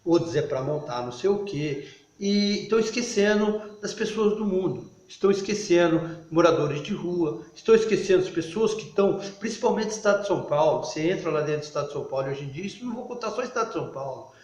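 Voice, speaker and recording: A man giving an informal video sermon, halting and restarting often, then rising into loud, emphatic bursts. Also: sits high, lively intonation. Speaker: lay preacher. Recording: echoey, muffled recording.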